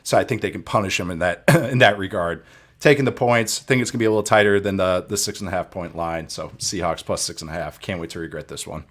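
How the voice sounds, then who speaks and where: Brief: male football analyst, lower voice, easygoing, self-mocking. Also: fast. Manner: relaxed, self-deprecating. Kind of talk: casual podcast chat.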